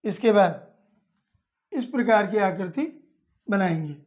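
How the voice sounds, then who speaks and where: A woman's voice: mid-range voice, expressive, takes it slowly, darkish tone. A woman teaching young children, explaining each step patiently and repeating it plainly. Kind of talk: slow step-by-step lesson for children.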